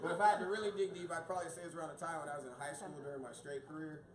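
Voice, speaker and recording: A man's voice: a little high, fairly even intonation, racing, a little hiss or hum. A man in his thirties from Florida doing a profane stand-up set, telling stories and acting out the voices of people in them. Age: 30s. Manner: profane, storytelling, acts out quoted voices. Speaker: stand-up comedian. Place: small dark comedy venue. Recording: echoey room with loud crowd. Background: audience laughter.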